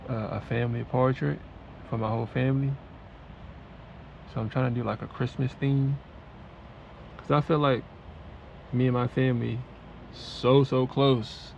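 A truck-driving man talks casually to his camera, laid-back and full of slang. His voice has a gravelly, fried edge. The cab is noisy, with engine and road ambience behind him. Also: mid-range voice, darkish tone, highs cut off. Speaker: truck driver. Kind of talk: casual vlog talk to camera. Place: inside a truck cab at a warehouse.

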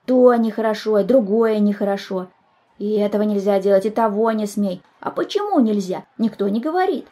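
A woman's voice: mid-range voice, animated, a little fast, mellow, lightly acted. A woman voicing a nervous schoolboy who argues with agitated indignation. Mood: indignant. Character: nervous dark-haired schoolboy arguing hotly.

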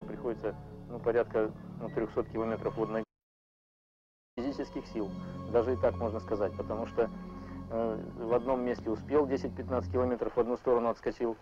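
A man's voice: mid-range voice, flat delivery, a little fast, music in the background. A man in his forties, a river patrol officer, explaining at length in a documentary interview. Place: small ship's wheelhouse. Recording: dull sound with faint background noise.

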